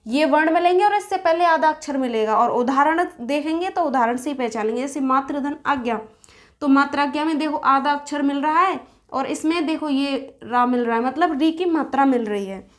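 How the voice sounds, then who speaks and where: A woman with a high, light voice teaches a grammar lesson in a patient, steady way. She comes back to each point and says it again in other words. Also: normal speed. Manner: patient, repeats and rephrases points.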